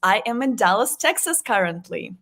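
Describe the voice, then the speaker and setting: A woman's voice: mid-range voice, very animated, normal speed, fairly bright tone. Interview guest: woman, 30s, earnest and explanatory, laughs lightly. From Russia. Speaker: guest, workplace psychologist. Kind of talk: online interview.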